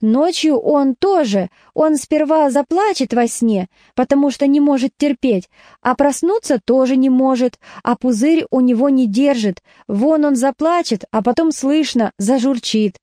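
A woman's voice: sits high, a little slow, warm tone, no echo, studio quality. A woman doing an eager, tattling schoolboy. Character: tattling boy, choir head, self-important.

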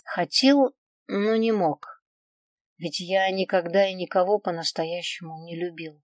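A woman narrating a first-person audiobook in an even, measured reading. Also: lowish voice, no room sound. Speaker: audiobook reader.

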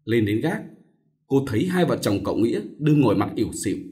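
A man's voice: medium pitch, very animated, fairly quick, warm tone. A man narrating a novel as an audiobook, voicing all characters expressively.

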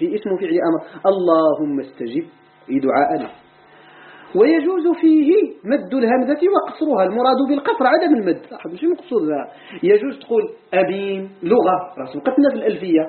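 A man's voice: very high voice, reverberant, narrow, tinny audio. A man with a Moroccan Arabic accent who teaches Quran commentary, explaining a text and asking questions he answers himself. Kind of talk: religious lesson explaining a text.

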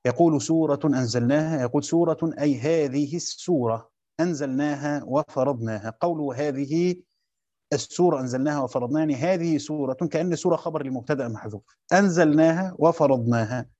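A teacher of Quran commentary with an Egyptian Arabic accent delivers a classroom lecture, explaining step by step and repeating his own questions. His voice is fairly high and fast with a dark tone, and the sound is lo-fi.

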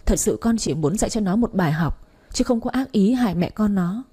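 A woman's voice: medium pitch, animated, brisk, warm tone, slightly rough. A woman reading the part of a desperate daughter-in-law who pleads tearfully for mercy. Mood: pleading.

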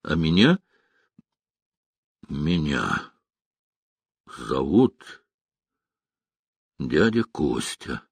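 A man reading an audiobook, voicing a reserved Soviet marshal who speaks calmly and modestly. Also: mid-range voice, measured pace, no room sound. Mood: gentle.

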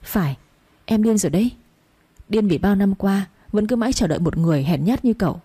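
A woman's voice: medium pitch, expressive, brisk, mellow, breathy edge. Woman doing a wounded, reproachful young wife. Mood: bitter reproach. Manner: reproachful, pleading.

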